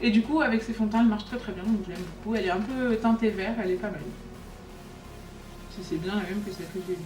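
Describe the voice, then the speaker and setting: Recorded from a distance in an echoey room, a chatty young woman does a casual makeup unboxing for her beauty vlog, lively and talking to the products as she goes. Her pitch is medium, she speaks fast, she's a bit off-mic, and faint music plays.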